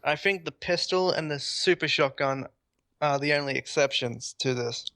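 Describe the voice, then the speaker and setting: A man's voice: fairly high pitch, normal speed, bright, forceful tone, dry recording. A man chatting enthusiastically as a gaming podcast host. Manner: enthusiastic, rambling. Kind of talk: casual gaming podcast chat.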